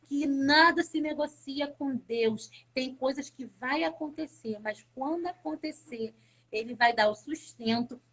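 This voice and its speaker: A woman's voice: high-pitched, fairly bright tone. A woman from Brazil giving an emotional personal faith testimony as a guest on a live stream, talking fervently and repeating words for emphasis.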